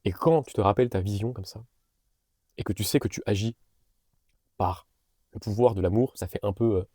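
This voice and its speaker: A man's voice: lowish voice, normal speed, mellow, no echo, clean studio sound. A young man in a casual, earnest motivational monologue, speaking straight to the viewer with fillers and restarts. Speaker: vlogger and business coach.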